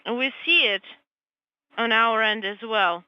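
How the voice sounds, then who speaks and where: A woman interpreting space radio traffic live, in halting, piecemeal phrases. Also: fairly high pitch, no room sound. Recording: dull, faintly noisy radio feed.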